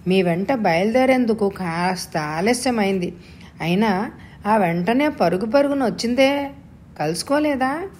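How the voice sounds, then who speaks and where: A woman's voice: mid-range voice, lively intonation, measured pace, a little mellow, a little hiss or hum, natural voice. Woman reading a worried grandmother, caring, fretful, storybook.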